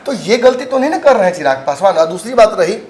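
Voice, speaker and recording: A man's voice: high-pitched, big pitch swings, fast talker, a little mellow, reverberant. A man, hosting and giving casual political commentary in an emphatic, argumentative way, slipping in English phrases. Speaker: political commentator and show host.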